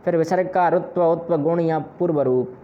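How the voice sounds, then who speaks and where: A man's voice: on the high side, moderate pace. A man teaching Sanskrit grammar, explaining patiently step by step and repeating his examples. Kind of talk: explanatory lesson. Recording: slightly dull lo-fi audio with faint noise.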